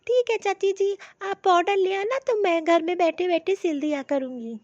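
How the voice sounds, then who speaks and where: A woman's voice: very high voice, normal speed, darkish tone. A woman voicing a meek young widowed daughter-in-law in a cartoon, humble, polite and grateful. The recording is dull and lo-fi. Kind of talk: cartoon voice acting.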